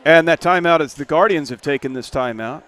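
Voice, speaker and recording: A man doing play-by-play of a high school football game from a stadium press box, folksy and relaxed. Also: fairly quick. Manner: folksy, relaxed, rises when a play starts. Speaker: play-by-play announcer.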